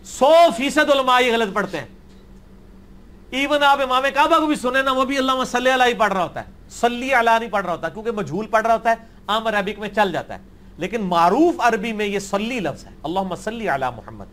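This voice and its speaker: Man, high voice, blunt and argumentative scholar fielding questions. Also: animated, fairly bright tone. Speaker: religious scholar answering questions. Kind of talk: question-and-answer session.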